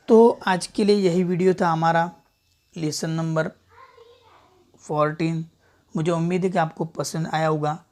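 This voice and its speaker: A man's voice: a little high, a little mellow. A man teaching an Urdu lesson, patiently contrasting wrong and right pronunciations and repeating words for learners. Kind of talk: online language lesson. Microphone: small clip-on mic.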